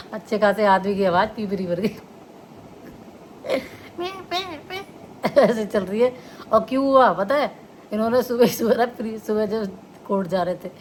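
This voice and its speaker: A woman's voice: mid-range voice, slight background noise. Chatty middle-aged woman vlogger. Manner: chatty, laughs often while telling. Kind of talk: casual chat to viewers.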